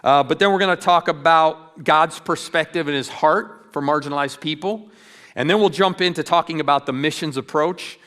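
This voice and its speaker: A man's voice: on the high side, moderate pace, fairly bright tone. A middle-aged man giving an earnest church training talk, telling stories with frequent ums and restarts. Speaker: ministry speaker.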